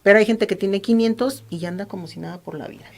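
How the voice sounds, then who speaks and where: Calm Mexican woman doctor explaining. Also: mid-range voice, quick pace, gravelly. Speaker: ophthalmologist guest. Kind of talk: interview, explaining medical advice.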